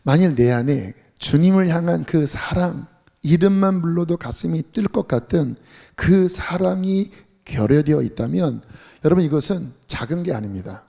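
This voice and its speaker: Man, pastor, church sermon, husky voice, fairly high pitch. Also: moderate pace. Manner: animated preaching, drops to soft whispers for prayers. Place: church sanctuary.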